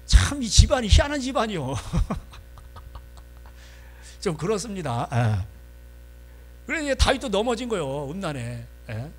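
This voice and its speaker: A male pastor preaching a sermon in a church, folksy and animated, constantly prompting the congregation. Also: a little high, slight background noise.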